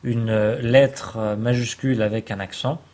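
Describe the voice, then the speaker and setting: A man calmly explaining a software tutorial step by step, with the occasional hesitation, over a screen recording. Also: lowish voice, slow. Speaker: computer tutor.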